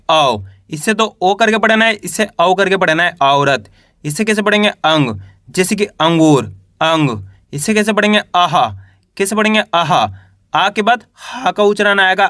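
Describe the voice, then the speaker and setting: A man's voice: high voice, bright, forceful tone, no echo, clean studio sound. A man teaching reading, patiently drilling each letter with repeated questions and example words. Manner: patient, repetitive drilling of syllables. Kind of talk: classroom-style spoken lesson.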